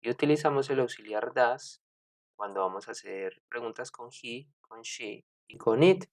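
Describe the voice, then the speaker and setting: A man teaching an English grammar lesson, speaking deliberately with frequent fillers, self-corrections and checks with the class. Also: medium pitch, animated, darkish tone, no echo. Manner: deliberate, repeats points and checks with "¿cierto?".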